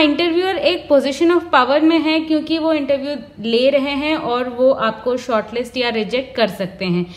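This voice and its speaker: High-voiced woman giving earnest career advice. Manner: earnest, emphatic, mixes English terms into Hindi. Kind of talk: explanatory advice talk.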